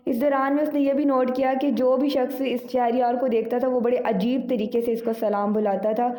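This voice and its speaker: A woman narrating a moral story in an unhurried way, with frequent fillers and lessons for girls. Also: fairly high pitch, steady tone, mellow, reverberant.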